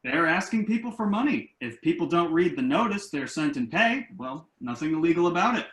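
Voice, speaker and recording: A man with a fairly high, fairly bright voice speaks rather quickly, his pitch swinging widely. In a table-read play taped in an echoey home room, he plays a glib, enterprising grown son, smug and persuasive as he earnestly pitches his shady business schemes.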